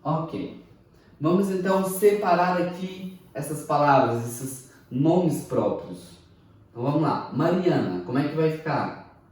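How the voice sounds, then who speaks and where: Slow, deliberate man teaching a class. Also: fairly high pitch, lively intonation, a little mellow. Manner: slow, deliberate, spells out syllables and asks "ok?" often. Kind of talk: recorded online class lecture. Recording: echoey room, mic far off.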